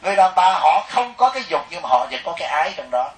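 A middle-aged Southern Vietnamese monk preaching with a lively, jokey storyteller's manner, his voice sitting high for a man. He is heard from a distance, and the sound rings around a roomy, echoing hall. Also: fast, a little hiss or hum. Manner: animated, jokey, acts out quoted people. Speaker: Buddhist monk giving a dharma talk. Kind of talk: storytelling sermon to a live audience. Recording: echoey hall, mic at a distance.

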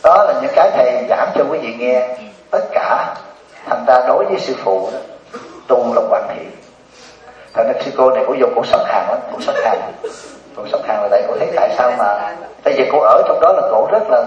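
A man with a Southern Vietnamese accent, a Buddhist monk giving a humorous dharma talk to a congregation as a lively, teasing storyteller. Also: medium pitch, brisk. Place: hall with a live audience. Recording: roomy dull sound from a distant mic.

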